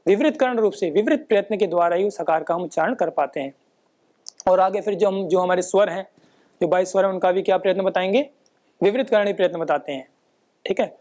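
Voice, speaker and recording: A woman giving a Sanskrit phonetics lesson, who poses questions and answers them herself and demonstrates each sound slowly and carefully. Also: medium pitch, mellow. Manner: frequent checking tags like "है ना?". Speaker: Sanskrit teacher. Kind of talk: explanatory phonetics lecture.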